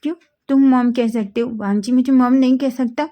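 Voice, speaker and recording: A woman's voice: sits high, fairly even intonation, a little fast, mellow, natural voice. A woman doing a stern protective mother. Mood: teasing. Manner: firm, warning.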